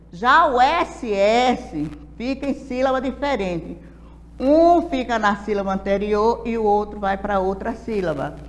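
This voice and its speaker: A woman's voice: on the high side, long reverb tail. A woman from Brazil teaching an adult literacy lesson, explaining step by step and checking in with questions.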